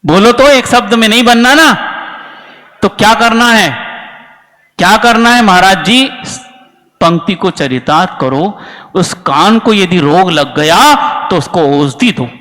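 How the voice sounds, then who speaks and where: High bright-voiced monk preaching in a hall. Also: male voice, unhurried. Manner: lively, asks the audience questions and acts out dialogues. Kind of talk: sermon. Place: large hall. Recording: reverberant hall.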